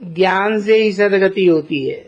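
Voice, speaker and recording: In a dull, lo-fi recording, a high-pitched man speaks as a teacher giving a slow spiritual discourse. He is deliberate, posing rhetorical questions to his listeners.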